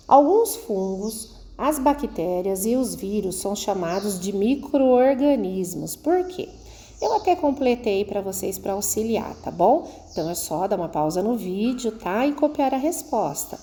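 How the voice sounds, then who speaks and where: A mellow-voiced woman leads a recorded science lesson for children. She moves through the exercises patiently, one step at a time, and keeps checking in with her pupils as she goes. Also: mid-range voice. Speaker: schoolteacher.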